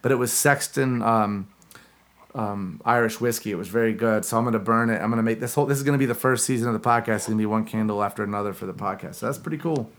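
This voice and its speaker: Fast-talking chatty male podcast host. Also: fairly low pitch, slight background noise. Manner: rambling, loose and chatty. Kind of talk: casual chat. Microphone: video call.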